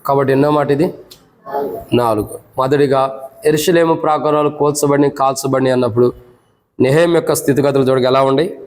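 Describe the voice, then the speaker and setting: A man with a Telugu accent preaching at a church prayer meeting. He teaches by numbered points and questions to the congregation, and his voice climbs high when he voices the lament. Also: steady tone, fairly quick, pauses often, a little mellow, rough recording. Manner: rises sharply in pitch when voicing the lament.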